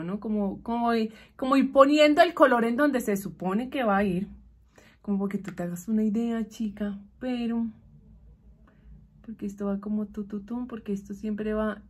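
A woman chatting casually and gossipily as she recaps a TV show while doing her makeup. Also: medium pitch. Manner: chatty, gossipy, keeps saying "mi amor". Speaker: vlogger.

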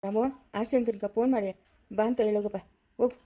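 A kindly grandfather, played by a woman in a homemade family drama. He speaks in a flat, mellow voice but quickly. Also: mid-range voice, lightly acted. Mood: reassuring.

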